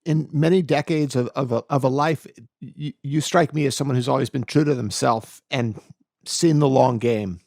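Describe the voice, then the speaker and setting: A man hosting a podcast, asking measured questions and reading the credits over music. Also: mid-range voice, no echo, clean studio sound. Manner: quiet affirmations, measured questions. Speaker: podcast host. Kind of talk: interview and scripted outro.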